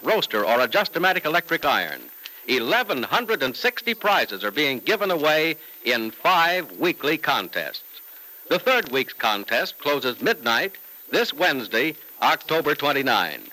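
An American man announcing in 1940s radio style, giving an emphatic, polished sponsor pitch. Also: pushed and bright, low-quality recording. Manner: emphatic, polished salesman delivery.

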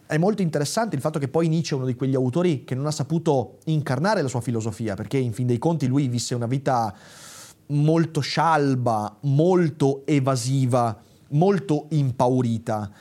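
A man's voice: medium pitch, moderate pace, mellow. A man hosting a philosophy video, talking straight to viewers and correcting himself as he goes. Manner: speaks directly to viewers, corrects himself aloud; reads the text dramatically, raising his voice at the cries. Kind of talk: spoken lecture with a read-aloud passage.

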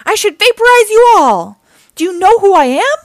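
A woman playing a fearsome, boastful male alien insect warlord in a children's story, shouting bombastically in outrage. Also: very high-pitched, very animated, normal speed, no echo, pitched above the performer's own voice. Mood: menacing, boastful.

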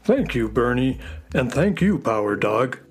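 A man voicing a friendly, excitable space horse who looks after sounds, folksy and enthusiastic, in a children's audio story. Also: mid-range voice, unhurried, faint music behind. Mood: relieved, grateful.

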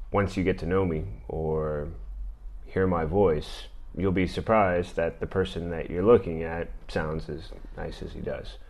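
A podcast host with a deep, darkish voice reads an argument aloud and comments on it. His delivery is measured and thoughtful, with occasional fillers.

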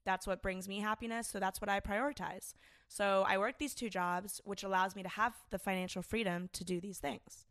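A woman's voice: mid-range voice, fairly even intonation, moderate pace, a bit bright, no echo, clean studio sound. A young adult woman co-hosting a podcast, talking casually and laid-back, with some swearing. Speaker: podcast co-host. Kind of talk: casual chat.

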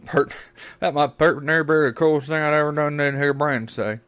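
A man's voice: a little high, normal speed, a bit bright, clean tone. A man co-hosting a podcast in casual chat, telling crude, profane jokes. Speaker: podcast co-host.

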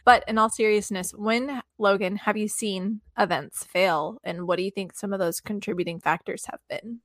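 A woman's voice: medium pitch, steady tone, moderate pace, dry recording, clean studio sound. A woman co-hosting a podcast in a chatty, upbeat way with playful asides. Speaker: podcast co-host. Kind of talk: casual podcast chat.

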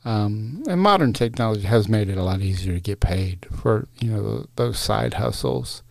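Gravelly, a little mellow, and on the low side, this man's voice is expressive and moderately paced. Hosting a solo podcast, he talks casually, full of fillers like uh and frequent restarts, captured as a dry, studio-quality recording.

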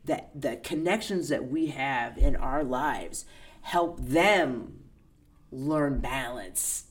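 A woman's voice: rumbling low, expressive, slow. A middle-aged woman guest in a casual conversation, speaking earnestly and reflectively about personal growth.

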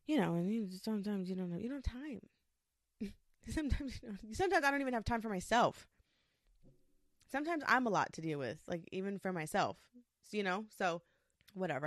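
A woman's voice: mid-range voice, no echo, studio quality. A young adult woman hosting a podcast, talking solo in a candid, rambling way, swearing freely and poking fun at herself. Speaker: podcast host. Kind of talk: casual solo monologue.

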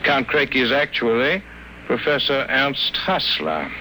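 A sinister doctor with a very bright, sharp-edged voice, speaking calmly and silkily as he threatens. The old radio recording carries a faint hiss. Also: medium pitch, unhurried, rough recording. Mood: cold. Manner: calm, silky and coolly menacing. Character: cold, soothing sinister doctor. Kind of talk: 1940s radio acting.

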